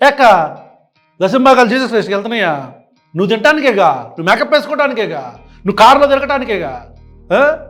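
A man with a very high voice gives reaction commentary full of indignation. He piles up sarcastic rhetorical questions. Faint music plays in the background. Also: fairly bright tone.

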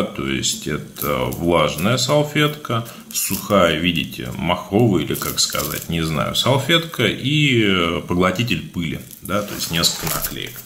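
A man with a speech impediment on his r's, giving a casual, halting product review as a video blogger. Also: sits low, very animated, a bit bright, slight background noise. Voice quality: burred, defective r sound. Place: indoors, at a table, hands-only shot.

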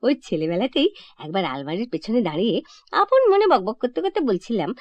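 Chatty, lively-voiced young woman actress in a monologue. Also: on the high side, fairly quick, no room sound. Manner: chatty, lively, self-correcting, confiding to listeners. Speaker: actress in a solo stage monologue. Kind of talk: theatrical comic monologue. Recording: dull lo-fi old recording.

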